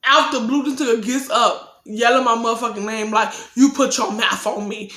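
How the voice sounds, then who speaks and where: A woman's voice: on the high side, fairly even intonation, moderate pace, a bit bright, roomy sound. A young woman telling a casual, profane storytime and acting out her own heated replies.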